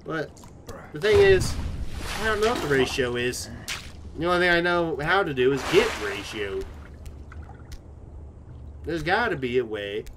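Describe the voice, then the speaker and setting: A man's voice: fairly high pitch, big pitch swings, unhurried, pauses often, a bit bright. A man thinking aloud in a frustrated, rambling way during live gameplay commentary, with a put-on Southern US drawl, recorded at home. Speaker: gaming streamer. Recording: noticeable background noise.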